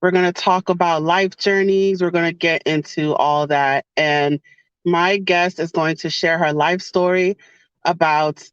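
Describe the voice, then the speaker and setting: A woman with a lowish voice hosts a podcast from her car, chatting casually through an intro and interview and repeating her phrases. The recording is dry, with the highs cut off.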